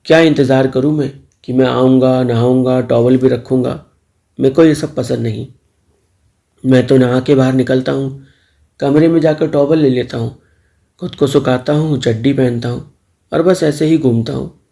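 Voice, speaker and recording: A man's voice: medium pitch, fairly even intonation, moderate pace, gravelly, dark tone, close to an everyday voice. A man voicing a shy young man who lives alone, in a storybook, talking in a flustered, protesting way. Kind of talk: storybook dialogue.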